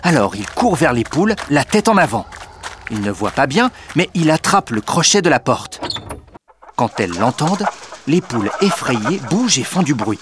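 A man reading a children's story aloud in an expressive, unhurried way. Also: medium pitch, background noise. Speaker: narrator.

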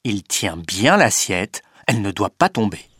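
A man reading a children's story aloud in an expressive, unhurried way. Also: on the low side, breathy edge, dry recording, clean studio sound. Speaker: narrator.

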